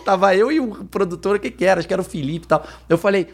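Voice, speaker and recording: A man's voice: sits high, very fast, gravelly, breathy edge. A man with a Brazilian Portuguese accent, telling a comic story in casual podcast talk and acting out the quoted lines. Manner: animated, acts out quoted lines.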